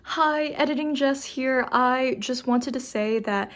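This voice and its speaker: This vlog voice-over comes from a young native Mandarin speaker explaining how she studies, with gentle music playing underneath. She talks slowly in a high-pitched voice, staying casual and self-deprecating while sprinkling in lots of "likes" and "ums."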